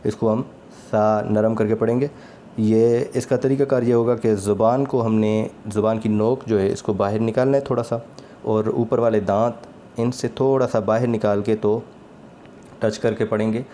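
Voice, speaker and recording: Male recitation teacher, low even voice, calm and patient, drills letters slowly with faint hiss behind. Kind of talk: slow spoken lesson on letter pronunciation.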